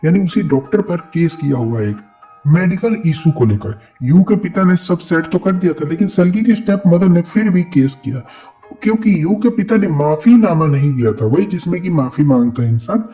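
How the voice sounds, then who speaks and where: A man's voice: a little high, mellow. A man casually retelling a drama's plot, talking straight to his listeners in an easygoing, chatty way. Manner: chatty, addresses listeners directly. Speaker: drama recap narrator. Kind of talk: casual storytelling recap.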